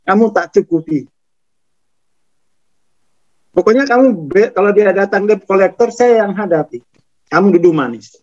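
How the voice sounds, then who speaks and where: Male spiritual teacher, Javanese accent, high and unhurried, laughs through his points, dull recording. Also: lively intonation, darkish tone. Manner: chuckles often, acts out scolding inner voice. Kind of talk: casual spiritual talk.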